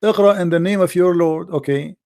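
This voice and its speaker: This time his voice is high-pitched and a little mellow, moving a little fast. The middle-aged Arabic-accented host, a native Arabic speaker, keeps pushing his arguments in the heated religious debate, lecturing insistently and repeating himself.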